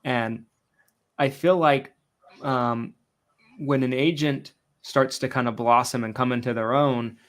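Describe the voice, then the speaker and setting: A man co-hosting a casual chat, speaking in a rambling way with many pauses and fillers. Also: mid-range voice, fairly even intonation.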